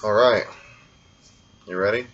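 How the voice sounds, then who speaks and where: A man hosting a casual blindfolded taste test, talking in a relaxed, rambling way. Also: lowish voice, measured pace, highs cut off. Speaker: food vlogger.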